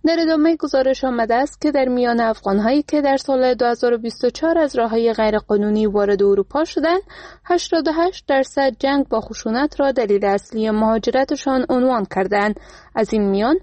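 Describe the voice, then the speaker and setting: A woman's voice: fairly high pitch, dry recording. Woman reporter reading formal radio news. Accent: Afghan Dari. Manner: steady, formal news delivery.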